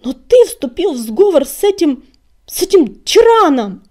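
Resentful striped warrior tomcat, voiced by a woman, loud, reproachful, storybook. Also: a little high, big pitch swings, moderate pace, creaky, husky, exaggerated voice. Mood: bitter reproach. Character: striped male warrior cat, hurt, resentful.

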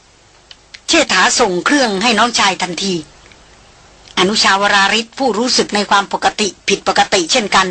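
A woman narrating a novel as an audiobook in a steady storytelling manner. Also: medium pitch, normal speed, breathy edge.

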